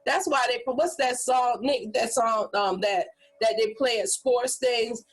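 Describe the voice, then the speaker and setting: A woman with a fairly high, husky voice leads a training session for presenters. She talks loosely and casually, breaking into lively demonstrations of how to deliver a line. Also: a little slow, rough recording. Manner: animated, demonstrates delivery with hype voices and whispers. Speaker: speaking coach. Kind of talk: training workshop talk.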